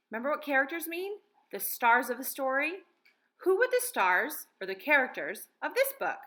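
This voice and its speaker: An American teacher in her thirties uses a fairly high, slightly bright voice as she reads to young children and leads a simple lesson with gentle, guiding phrases from a picture book.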